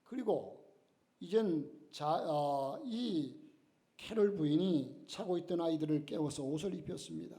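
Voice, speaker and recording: A man's voice: on the high side, animated, measured pace, mellow. A male pastor telling a story in a Sunday sermon, dramatically acting out the quoted voices and prayers. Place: church sanctuary.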